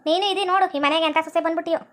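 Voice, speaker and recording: Super high shrill deaf old lady, north karnataka kannada, nags super fast. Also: fairly even intonation, a bit bright. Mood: nagging. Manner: shrill, nagging, melodramatic wailing. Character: meddling deaf old village woman, scolding. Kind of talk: comic family skit.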